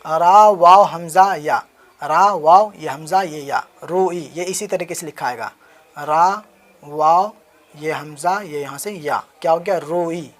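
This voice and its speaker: Brief: high-voiced male teacher, slowly spelling letters and quizzing himself. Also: a bit bright. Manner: spells out letters slowly, repeats words, asks and answers his own questions. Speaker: online Urdu writing teacher. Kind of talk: step-by-step handwriting lesson. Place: home, with beggars on a loudspeaker outside.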